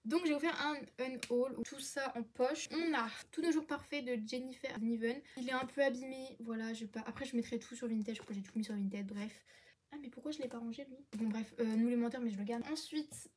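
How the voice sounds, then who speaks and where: Chatty young woman, slightly high voice. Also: a little mellow, a little hiss or hum. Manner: chatty, rambling, talks to viewers while working. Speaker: book vlogger. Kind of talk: casual chat while tidying shelves.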